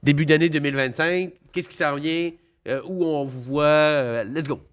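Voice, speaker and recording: A man's voice: a little high, fairly even intonation, moderate pace, clear, resonant tone. A man with a Québécois French accent hosts a podcast interview in a casual, playful way, rambling a little and laughing often. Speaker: podcast host.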